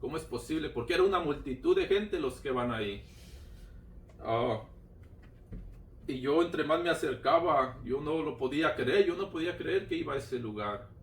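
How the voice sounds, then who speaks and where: A man's voice: a little high, lively intonation, moderate pace, a little hiss or hum. A man giving a personal religious testimony, retelling it fervently with lots of repetition. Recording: roomy sound from a distant mic.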